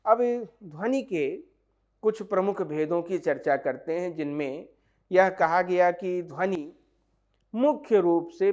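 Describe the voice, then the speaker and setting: Male lecturer, slow deliberate delivery, somewhat high-pitched, methodical, teaching tone. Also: a little mellow. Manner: slow, measured explanation with examples. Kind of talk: academic lecture on poetics.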